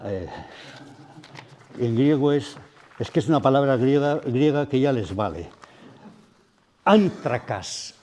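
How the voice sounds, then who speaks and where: There's slight background noise as a man with a fairly high, mellow voice preaches in a retreat meeting room. His sermon is reflective and thoughtful, and he often puts questions to his listeners.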